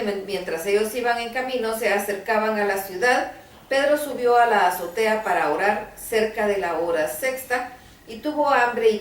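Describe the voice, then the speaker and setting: A woman hosting a devotional program, reading scripture aloud in a measured way and stumbling now and then. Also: fairly high pitch, distant mic. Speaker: Bible reader and host. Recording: roomy, voice a bit off-mic.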